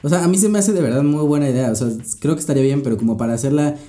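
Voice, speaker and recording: A man's voice: on the high side, rapid-fire, warm tone. A young man co-hosting a casual podcast, joking and talking with many fillers. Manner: joking, interrupting, full of fillers. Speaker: podcast co-host. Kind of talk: casual chat.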